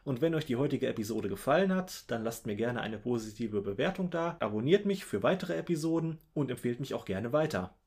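A man's voice: a little fast, few pauses, breathy edge. A man hosting a literature podcast, reciting playful one-vowel poems with dry humor. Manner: dramatic, wry recitation with lively pitch swings. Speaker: podcast host.

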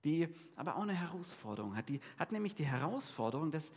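A man preaching a sermon in a casual, conversational way, with lively asides and quick shifts between emphatic and soft delivery. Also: a little high, husky, in a large hall. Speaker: pastor.

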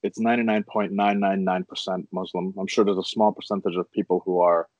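A man's voice: low-pitched, level tone, brisk, darkish tone, no room sound, highs cut off. A man from Afghanistan hosting a casual conversation, curious and thoughtful, often restarting his sentences.

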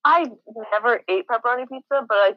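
A woman's voice: on the high side, fast, no echo, dull audio. A young woman co-hosting a casual podcast chat, dramatic and easily upset by odd food. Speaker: podcast co-host.

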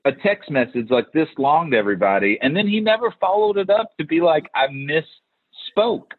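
A man's voice: a little high, brisk, slightly rough, dry recording. A man hosting a podcast, telling stories in a casual chat and animatedly acting out the voices of the people he quotes, with frequent restarts. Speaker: podcast host. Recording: tinny phone-like, dry sound.

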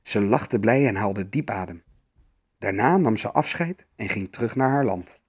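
A man narrating a fairy tale in an expressive, storytelling manner. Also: fairly low pitch, moderate pace, slightly rough.

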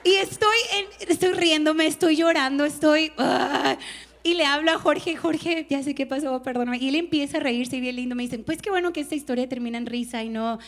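A woman pastor, telling a personal story in a conference sermon and acting out the voices of the people in it. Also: high voice. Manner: animated storytelling, laughing, acting out quotes. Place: conference stage.

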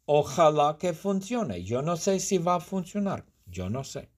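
Man doing a bumbling customer in a storybook, slow, lively pitch, soft husky tone. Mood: playful. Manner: first-person storytelling, exaggerated indignation.

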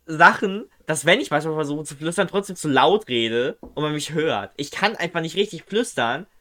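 A young man chatting loosely and excitably with a friend, dropping slang. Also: a little high, normal speed. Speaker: co-host. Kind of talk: casual chat.

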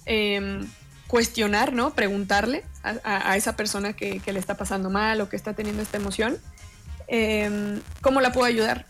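A woman, a guest expert explaining emotions in calm conversation, measured and pausing to repeat her words. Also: mid-range voice, soft background music.

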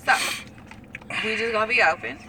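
A woman guest on a casual podcast, who talks bluntly and teasingly and breaks into loud laughter. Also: on the high side, moderate pace, crowd noise. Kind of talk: casual group chat. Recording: noisy background.

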